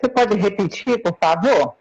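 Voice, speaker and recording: A woman speaking as a guest in a live interview, heard through a choppy, breaking-up call line, talking in a slow, measured way. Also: medium pitch, lively intonation, darkish tone, breathy edge. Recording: dull lo-fi call audio.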